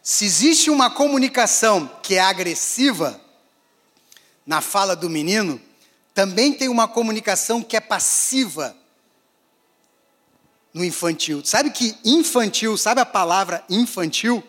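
Preaching a sermon in a long-echoing hall, a high-voiced male pastor moves unhurriedly with lively intonation and frequent pauses. His delivery lurches between raised, forceful statements and hushed, withdrawn passages.

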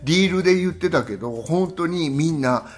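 A woman's voice: low-pitched, lively intonation, normal speed, faint music behind. A woman in her fifties a touch of dialect, chatting casually as a podcast co-host in a rambling, colloquial way. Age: 50s. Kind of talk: casual chat.

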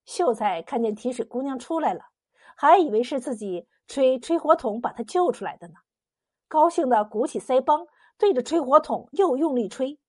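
High-voiced woman telling a folk tale. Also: moderate pace. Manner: lively and expressive. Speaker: storyteller. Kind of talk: scripted storybook narration.

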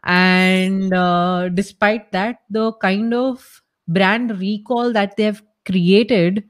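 A woman's voice: mid-range voice, fairly even intonation, very slow. A woman with a North Indian accent giving conversational interview answers, explaining her points emphatically and restating them in parallel phrases. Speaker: startup founder, interview guest.

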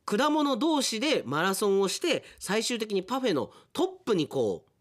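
Hosting a radio aftertalk, a man with a high-sitting voice reads listener mail at a moderate pace in casual chat. He's animated, reacting to what he reads with amused asides.

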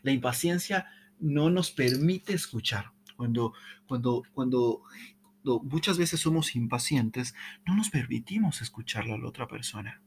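A man giving a motivational talk on communication, checking in often with "¿sí?", repeating and stumbling over words, with dramatic swings in pitch. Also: moderate pace, a little hiss or hum. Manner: repeats "¿sí?" to the audience, animated. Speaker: speaker on communication.

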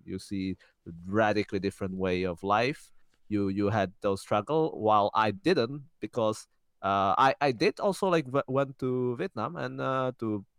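A man's voice: medium pitch, clean tone, no room sound, clean studio sound. A young man from the Czech Republic hosting a podcast, talking casually and thoughtfully, with frequent halts and restarts. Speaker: podcast host. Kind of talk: casual conversation.

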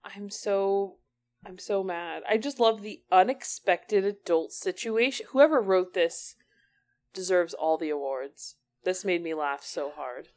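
A woman's voice: fairly low pitch, animated, measured pace, a little mellow. A woman co-hosting a podcast, chatting casually, laughing often, and reading blurbs aloud. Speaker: podcast co-host. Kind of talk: casual chat.

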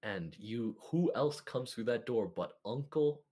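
A young man narrating a tabletop game as game master, in a casual, halting way with many restarts. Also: mid-range voice, animated, dark tone.

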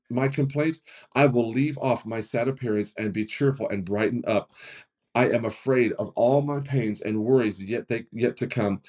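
A man's voice: mid-range voice, dark tone. A man, a pastor, reading scripture aloud with earnest delivery, often stumbling and correcting himself.

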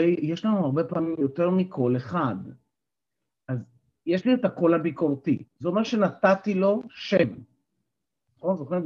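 Husky, fairly high-voiced man coaching a group. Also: muffled recording. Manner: animated, asks the group questions. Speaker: NLP coach and therapist. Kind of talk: live workshop talk to a group.

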